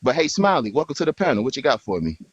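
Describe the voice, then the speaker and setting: A man's voice: mid-range voice, big pitch swings, rapid-fire, husky, dry recording. A young man hosting a livestream panel, talking casually and argumentatively, full of slang and "bro". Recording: dull lo-fi stream audio.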